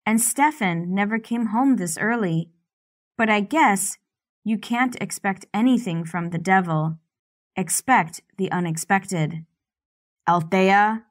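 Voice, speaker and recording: A woman narrating a first-person romance audiobook in a steady, unhurried reading voice. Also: medium pitch.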